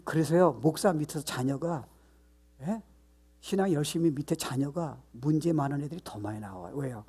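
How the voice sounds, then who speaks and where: A man's voice: a little high, normal speed, warm tone, breathy edge. An older man, a pastor, preaching a sermon with emphatic delivery and frequent rhetorical questions.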